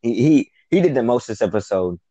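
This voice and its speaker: A man hosting a casual TV recap, telling the story with lively energy and acting out quoted lines. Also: medium pitch, fairly quick, no echo, dull audio. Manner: animated, acts out quotes, swears casually. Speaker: podcast co-host.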